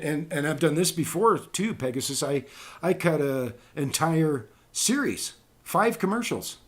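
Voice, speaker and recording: Lively man hosting a chat. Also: a little high. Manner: animated storyteller, acts out quotes. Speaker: podcast host and voice actor. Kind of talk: casual chat.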